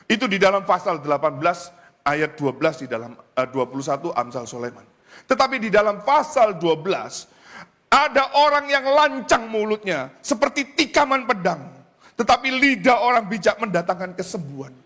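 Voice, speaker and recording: A male pastor with an Indonesian accent preaching a sermon in a church, telling stories, often calling out to the congregation, and jumping from loud high cries to low quiet asides. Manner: storytelling with repeated address to the congregation.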